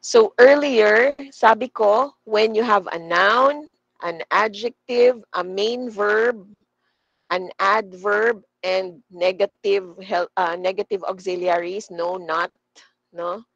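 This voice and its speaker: A woman with a Filipino accent teaching a speaking lesson, slowly modeling pronunciation for her class to repeat. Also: medium pitch, creaky, fairly bright tone, no echo, muffled recording. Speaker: corporate trainer.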